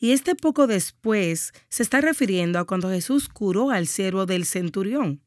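This is a woman in her thirties teaching a Bible study, moving between scripture reading and her own explanation. She speaks in an earnest, measured way and slows down to stress what matters. Her voice sits at an ordinary middle pitch and is recorded dry and close, with no room echo. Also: lively intonation, darkish tone.

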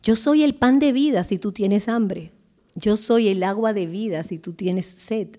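A woman giving an earnest devotional Bible teaching, slowing down with emphatic pauses. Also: medium pitch, dark tone.

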